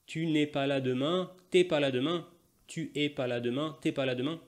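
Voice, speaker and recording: A man who is a native French speaker, teaching a language lesson and repeating example phrases slowly and carefully. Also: fairly high pitch. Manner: slow deliberate repetition of example phrases; switches between Portuguese and French explanations. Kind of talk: language lesson explaining grammar.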